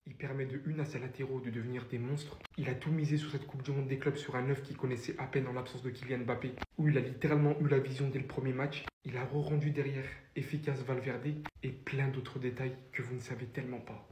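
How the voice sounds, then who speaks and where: A man's voice: mid-range voice, fairly even intonation, quick pace, hardly any pauses, darkish tone. A man delivering a scripted football analysis as a commentator, with emphatic wording full of praise. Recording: echoey room, faint noise.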